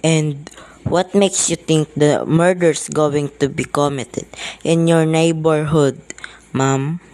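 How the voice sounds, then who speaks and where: A weary police sergeant acted by a student in an amateur radio drama, speaking slowly at a middle pitch. The delivery is placating, patronizing and dismissive. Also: steady tone, darkish tone. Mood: skeptical, patronizing. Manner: deliberate, patronizing.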